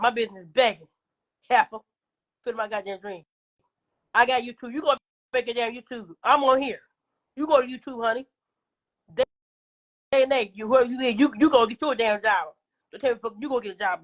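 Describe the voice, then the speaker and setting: A woman's voice: a little high, dull audio. A woman livestreaming from her phone, coughing now and then, talking back to viewers in a combative, profane casual rant.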